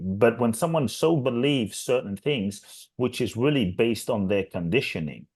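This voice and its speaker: Appearing as a guest on a podcast, a man who works as a transformational teacher gives thoughtful, earnest interview answers that gather force through repetition. His voice is lowish, slightly rough, with a darkish tone.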